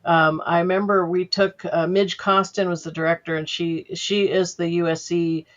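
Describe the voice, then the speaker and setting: A woman's voice: lowish voice, level tone, normal speed, muffled recording. An older woman, a sound editor as podcast guest, telling anecdotes in a chatty way full of fillers. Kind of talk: casual interview storytelling.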